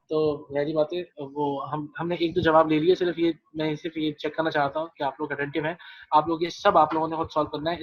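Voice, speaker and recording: A man's voice: fairly high pitch, breathy edge, highs cut off. A male Arabic teacher giving an online class. He repeats phrases patiently and calls on students by name.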